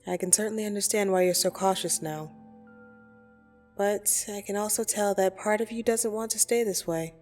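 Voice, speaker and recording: In an ASMR roleplay audio drama, a woman with a mid-range voice plays a dream demon who is blunt and teasing yet soothing, speaking slowly and intimately with gentle condescension. Her acting is light, and the mood is soothing and concerned. Soft meditation music plays behind her.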